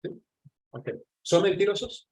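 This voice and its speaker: A man's voice: sits high, lively intonation, a little slow, darkish tone. A man with an Argentine accent gives a conversational online lecture, explaining points and checking in with his audience again and again. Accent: Argentine Spanish. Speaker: lecturer on nonverbal communication. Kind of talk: live online class lecture.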